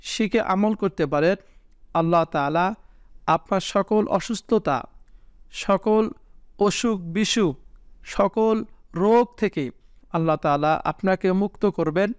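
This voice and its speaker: Slow, patient male prayer teacher. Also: high voice, clear, resonant tone, no room sound, studio quality. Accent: Bangladeshi Bengali. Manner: slow, patient spelling of Arabic letters, drawn-out chanted recitation. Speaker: religious teacher.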